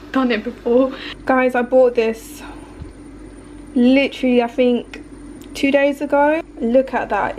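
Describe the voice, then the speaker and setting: A young woman chatting casually to viewers while she cooks in her home kitchen, filming on a handheld phone. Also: on the high side. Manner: chatty, bubbly, talks to viewers while cooking. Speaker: cooking vlogger. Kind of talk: casual cooking vlog chat. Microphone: handheld phone camera. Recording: noisy kitchen recording.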